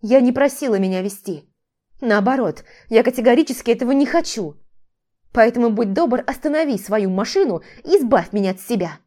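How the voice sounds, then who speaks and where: A defiant young ex-wife hurls indignant retorts in a raised, high voice, as a woman narrator acts her out. Her anger sits loud over a mellow, warm tone. It is an audiobook romance scene. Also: lively intonation, fairly quick, close to an everyday voice. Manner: shouting, indignant, sharp retorts.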